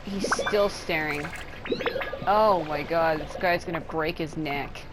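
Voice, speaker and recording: Speaking slowly in a low voice, a woman doing a let's play comments casually on the video game and reads her choices out loud. Her delivery is blunt and sarcastic, and heavy background noise mixes with the game music.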